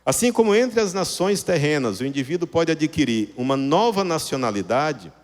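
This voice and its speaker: With a fairly high, sing-song voice at normal speed, a man delivers a sermon to his congregation. He teaches in a didactic way, restating ideas through rhetorical questions, and the sound echoes as in a hall.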